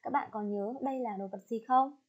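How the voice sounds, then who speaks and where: A woman's voice: on the high side, brisk. A woman from Vietnam teaching an online lesson to children, drilling each word patiently. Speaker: English teacher. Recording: slightly dull lo-fi recording.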